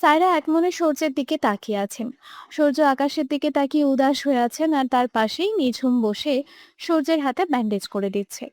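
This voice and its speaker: A woman's voice: high voice, animated, normal speed, no room sound, studio quality. A young woman narrating a romantic audio story with emotive, dramatic delivery. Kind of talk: scripted narration.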